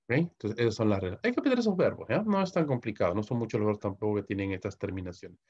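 Low-voiced teacher checking in with "¿ok?". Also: male voice, animated, very fast, darkish tone, breathy edge. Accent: Peruvian Spanish. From Peru. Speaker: English teacher. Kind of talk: recorded online lecture. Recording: muffled lo-fi audio.

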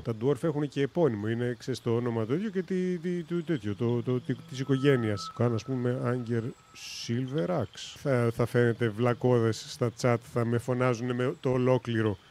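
Guy rambling thru a character creator, listing stuff, joking around, quiet game music under it. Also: medium pitch. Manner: thinks aloud, lists options, jokes and teases. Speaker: gaming streamer. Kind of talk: casual let's-play commentary.

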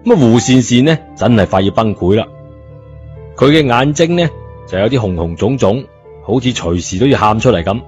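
A slightly mellow man's voice of medium pitch, delivered at a normal speed with lively intonation. He narrates a scripted story colloquially, audiobook fashion, with a Cantonese accent. The sound is muffled, with music playing behind him.

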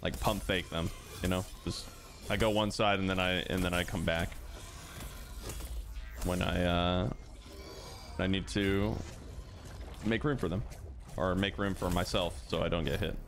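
A man giving relaxed, explanatory commentary over a game he is playing, with plenty of fillers as he talks through each move. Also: sits low, unhurried, long pauses, soft background music. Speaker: gaming channel host. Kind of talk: casual gameplay commentary.

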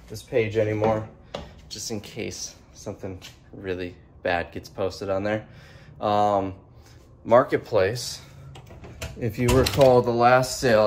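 A young US man with a lowish voice vlogs casually about his warehouse sale, phone at arm's length, filming as he works. He rambles in a plain, matter-of-fact way, inside the warehouse and out by the road. There's a little hiss or hum in the audio.

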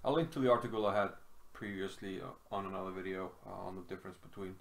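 Middle-aged man from Iceland, low voice, relaxed home-desk chess commentary with many fillers. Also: fast, vocal fry. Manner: relaxed, thinking aloud with frequent fillers. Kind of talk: casual chess game analysis. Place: small room at home.

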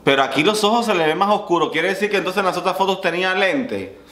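A man giving playful, bawdy reaction commentary as a drag queen, laughing often and swinging between high squeals and low purrs. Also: lively intonation, fast talker, bright, forceful tone, roomy sound.

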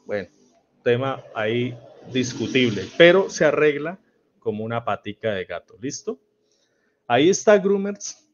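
A man's voice: mid-range voice, animated, a little slow, highs cut off, a little hiss or hum. A man with a Colombian accent teaching a live online dog grooming class, quizzing viewers and reading out their answers. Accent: Colombian Spanish.

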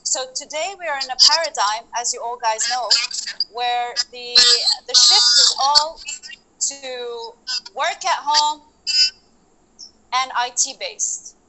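A woman's voice: a little high, slow pace, sharp tone, a little hiss or hum, poor audio. A woman in her thirties introducing herself on a video call as an investment advisor, polite with hesitant restarts. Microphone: laptop mic on a video call.

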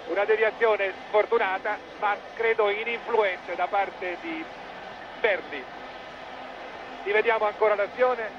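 Italian guy doing live soccer commentary, pretty high voice, old tv sound with loud stadium noise behind him. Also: highs cut off. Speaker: football commentator. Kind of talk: live football match commentary. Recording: noisy old 1980s television broadcast.

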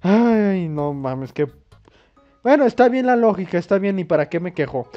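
A young Mexican man, a gaming YouTuber, plays a video game, reading its dialogue aloud and cracking crude jokes full of swearing. His high-pitched voice is animated and moves at a moderate pace. The mic sounds dull and lo-fi, with faint game music behind him.

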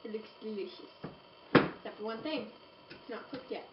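A young adult woman with a voice on the high side and a moderate pace chats through an informal cooking demonstration at home, mixing in playful comments as she works. It's captured by a camera across the room, with dull, distant, roomy sound and background hiss.

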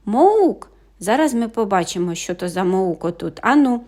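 A woman's voice: mid-range voice, lively intonation, fairly quick, darkish tone, lightly acted. A woman voicing an impatient, grumbling older boy in a storybook audiobook. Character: grumpy older boy, big brother. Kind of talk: audiobook fairy tale reading.

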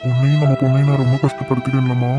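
A man's voice: medium pitch, monotone, very fast, loud music behind the voice, lightly acted. A man voicing a middle-aged village husband and father in a cartoon drama, caring and insistent, full of remorse.

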